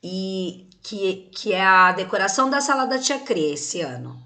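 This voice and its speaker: A woman with a Brazilian Portuguese accent teaching a recorded video lesson for young children. She explains things patiently, step by step, asks many questions, and speaks gently with diminutives. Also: medium pitch, big pitch swings, unhurried. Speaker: primary school teacher.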